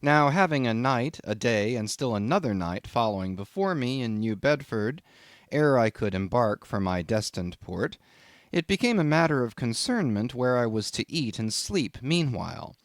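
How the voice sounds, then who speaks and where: This is scripted literary audiobook narration by a man whose voice sits in the mid range. His storytelling is expressive yet measured, and the sound is dry and clean, as from a studio.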